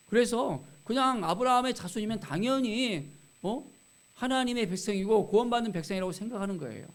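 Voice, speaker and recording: Male pastor, high-pitched voice, emphatic sermon style with rhetorical questions. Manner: reads scripture aloud slowly with emphasis. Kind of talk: expository sermon on scripture.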